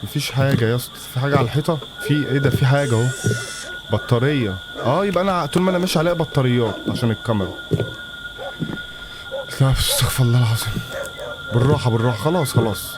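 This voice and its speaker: A man's voice: mid-range voice, rapid-fire, pauses often, very noisy. A man with an Egyptian Arabic accent, talking nervously to himself while playing a horror game for his channel. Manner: jumpy, talks to himself, nervous mutterings. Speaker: gaming channel host. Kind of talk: horror game let's-play commentary.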